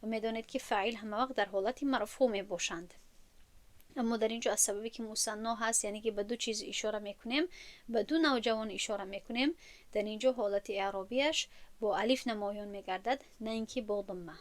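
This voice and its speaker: A woman teacher gives a grammar lesson, explaining patiently step by step and repeating key terms. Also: mid-range voice.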